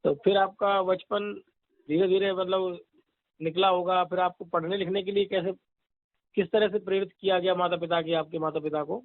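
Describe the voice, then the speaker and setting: Encouraging high-voiced man interviewing by phone. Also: fairly even intonation, moderate pace, dry recording. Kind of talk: radio interview. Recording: tinny phone line, dry.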